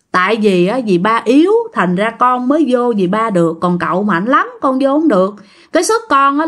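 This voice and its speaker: A woman's voice: a little high, a bit bright. A woman voicing the spirit of a dead young man who speaks through a living relative and scolds harshly.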